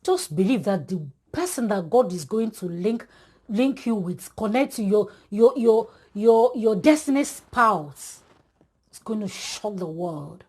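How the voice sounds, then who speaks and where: A woman preaches an emphatic exhortation, speaking straight to her listeners and repeating her points for weight. Her voice is mellow and warm, with a husky edge. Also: mid-range voice, expressive, unhurried.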